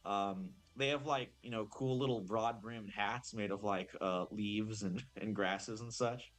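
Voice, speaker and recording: A man's voice: fairly low pitch, a little slow, a bit bright. A man acting as game master, narrating a tabletop game in a rambling, improvised way, full of fillers and self-corrections.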